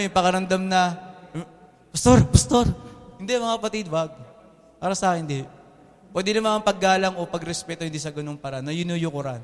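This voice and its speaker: A young Filipino pastor delivers a sermon in a high, bright voice, lively and joking, often asking the congregation "Amen?". He's recorded in a reverberant, air-conditioned church hall.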